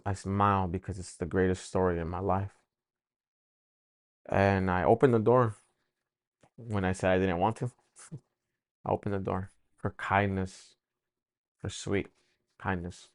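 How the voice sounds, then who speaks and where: Low-voiced man giving an emotional testimony. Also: dry recording, studio quality. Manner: emotional, halting, repeats words. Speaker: testimony speaker. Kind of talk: personal faith testimony.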